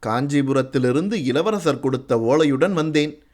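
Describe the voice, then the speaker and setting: A man's voice: on the high side, animated, moderate pace, darkish tone, close to an everyday voice. A man voicing a polite, humble young warrior delivering a message, answering modestly and respectfully in an audiobook story.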